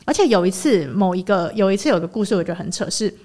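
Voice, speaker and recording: A woman's voice: medium pitch, rapid-fire. A young woman, co-hosting a casual chat and telling stories animatedly, acting out the people she quotes. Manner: animated storyteller who acts out quoted people. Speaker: podcast co-host.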